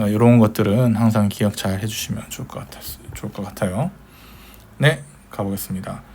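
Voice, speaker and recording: Male lecturer, patient, methodical, polite to students, recorded online class. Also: mid-range voice. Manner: patient, explains step by step with fillers. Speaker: Hebrew grammar teacher.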